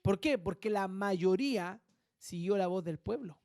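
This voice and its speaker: A male pastor preaching a sermon, with animated delivery and muttered asides that mimic gossip. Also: sits high, unhurried, no room sound, studio quality.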